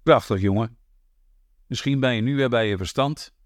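A man's voice: mid-range voice, normal speed, no room sound, studio quality, natural voice. A man reading as a coaxing police commissioner. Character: patient male police commissioner.

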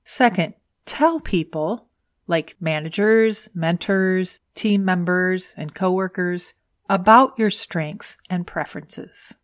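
Give me a woman podcast host with a slightly low voice and a very dry, close sound. She reads scripted career advice in a neat, step-by-step, instructional manner, like a coach addressing listeners directly. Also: slow pace, no echo. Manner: tidy, orderly, instructional delivery.

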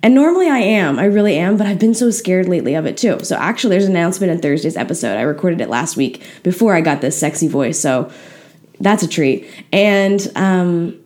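Hoarse woman hosting a candid podcast. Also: lowish voice, darkish tone. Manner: candid, chatty, self-deprecating. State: hoarse, unusual voice today. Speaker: podcast host. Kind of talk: casual motivational podcast talk. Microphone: podcast microphone.

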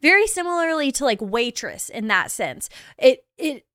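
A woman's voice: sits high, sing-song, a bit bright, dry recording, studio quality. A woman of twenty-five hosting her own podcast, talking casually and chattily, with lots of "like" and light laughs. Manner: chatty and bubbly, full of "like" and quick laughs. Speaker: podcast host. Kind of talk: casual solo podcast recap.

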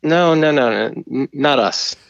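A man's voice: mid-range voice, unhurried, gravelly, no room sound, highs cut off. A man playing a flustered mission controller over the radio. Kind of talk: comedy skit acting.

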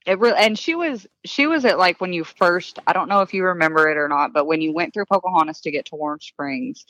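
A woman's voice: on the low side, brisk, a bit bright, rough recording. A woman recounting her past plainly and earnestly as a guest in a casual interview. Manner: earnest, matter-of-fact recounting. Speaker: podcast guest.

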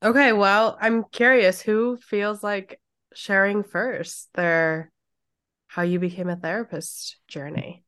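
A woman's voice: mid-range voice, fairly even intonation, takes it slowly, fairly bright tone, clear, resonant tone. A woman therapist co-hosting a podcast, sounding nasal from a cold, who asks the others questions in friendly casual talk.

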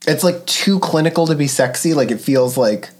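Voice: mid-range voice, lively intonation, normal speed. A podcast co-host chatting casually while watching a movie, full of sarcastic asides.

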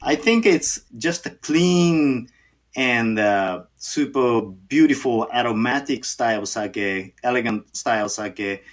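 Answering an interviewer's questions, a male sake brewer whose native language is Japanese speaks with a Japanese accent, stopping and restarting and using plenty of fillers. His medium-pitched voice is animated.

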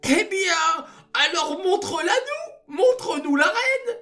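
A man's voice: very high-pitched, expressive, takes it slowly, bright, forceful tone, pitched above the performer's own voice, exaggerated voice. A man voicing a king's drunken friends who stammer and jeer, in a children's storybook reading. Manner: stammering and jeering. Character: drunken mocking friends of a king, men.

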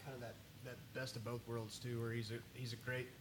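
A man's voice: medium pitch, little pitch movement, fairly quick, slight background noise. A man chatting casually, laid-back and blunt, with some swearing. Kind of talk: casual chat.

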